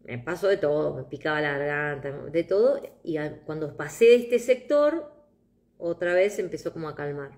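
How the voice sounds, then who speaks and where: A middle-aged woman, giving a live meditation talk in a soft, reflective way, telling personal stories. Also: sits low, expressive, normal speed. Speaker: meditation guide.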